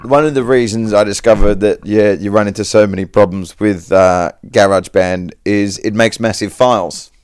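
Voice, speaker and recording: A man's voice: on the low side, steady tone, normal speed, few pauses, clean tone, no echo, studio quality. A man in his forties, a podcast guest, chatting in a sarcastic, mock-exasperated way and swearing a lot. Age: 40s. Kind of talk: casual podcast chat.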